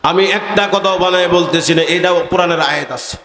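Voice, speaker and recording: A man's voice: high-pitched, steady tone, fairly quick. A man preaching a sermon with folksy stories, often asking the crowd questions. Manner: colloquial, questions the audience. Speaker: Islamic preacher. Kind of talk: Bengali sermon with storytelling. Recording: echoey hall over loudspeakers.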